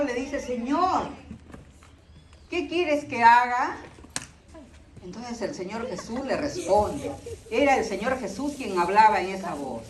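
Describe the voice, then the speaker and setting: A woman's voice: a little high, a little hiss or hum. A woman telling a Bible story to a group, often asking her listeners questions. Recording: echoey room from far off.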